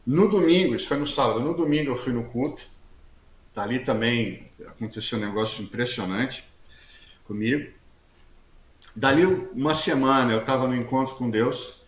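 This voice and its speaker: A man, a guest telling his testimony in a casual interview, talking loudly and acting out the dialogue he quotes with plenty of slang. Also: medium pitch, normal speed. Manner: lively storyteller who acts out quoted dialogue, slangy; speaks loudly. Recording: echoey room with faint background hiss.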